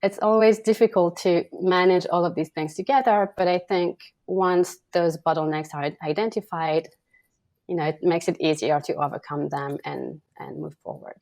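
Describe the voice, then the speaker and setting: Guest scientist, woman, lowish voice, loose chatty delivery. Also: fairly even intonation, normal speed, a little mellow. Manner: casual, many fillers like "like" and "you know". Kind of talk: conversational interview answer.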